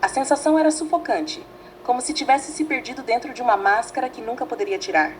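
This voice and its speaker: A woman's voice: on the high side, a little hiss or hum, poor audio. Dramatic woman storyteller, faint ambience. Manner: dramatic, measured reading in short phrases. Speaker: narrator. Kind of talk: scripted fanfiction narration.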